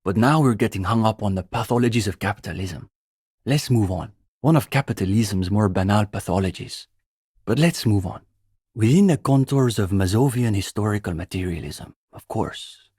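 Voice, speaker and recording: In this video game line, the student leader of a revolutionary reading group, a young adult communist and pompous intellectual zealot, speaks at a moderate pace. His husky, fairly low voice has a darkish tone and is captured close and dry, his delivery precise and lecturing. The mood is pompous and earnest.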